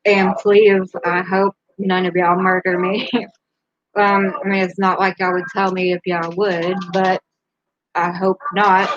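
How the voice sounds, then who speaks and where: A woman's voice: medium pitch, little pitch movement, unhurried, highs cut off, a little hiss or hum. A woman hosting a casual live stream, speaking candidly and rambling a little, with a laugh between her thoughts. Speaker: livestream host.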